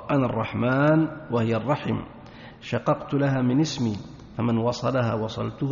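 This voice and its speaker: Gravelly male teacher in an echoey hall. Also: mid-range voice, a little mellow, slight background noise. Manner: reads chains of narrators quickly, slows and rises for emphasis. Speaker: Islamic teacher. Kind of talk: religious lesson reading and explaining a classical text. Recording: echoey hall, dull lo-fi sound.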